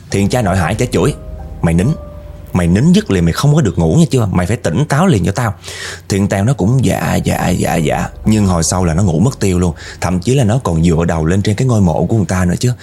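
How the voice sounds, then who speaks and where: A man with a Southern Vietnamese accent telling a ghost story in a casual, animated way, often speaking straight to the listeners. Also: on the low side, a little hiss or hum. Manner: animated, addresses listeners directly.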